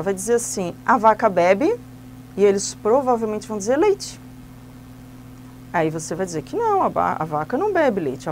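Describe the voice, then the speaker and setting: Training Sunday school teachers, a woman walks patiently through children's church classroom activities one step at a time. Her pitch is fairly high with a slightly mellow quality, and there's a little background noise.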